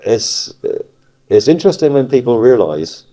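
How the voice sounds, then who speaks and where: A man from Cornwall with a Cornish West Country accent, chatting casually in a halting way and repeating phrases for emphasis. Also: medium pitch, sing-song, warm tone. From Cornwall, England. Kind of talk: casual conversation about dialect. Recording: muffled cassette recording.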